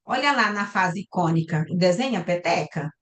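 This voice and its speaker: A woman's voice: on the low side, lively intonation, normal speed, fairly bright tone. A Brazilian Portuguese woman teaching a recorded online class over a video call, explaining step by step and checking in with her students. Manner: explains step by step, often ending with "tá?" and "né?". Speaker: lecturer. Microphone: computer mic on a video call.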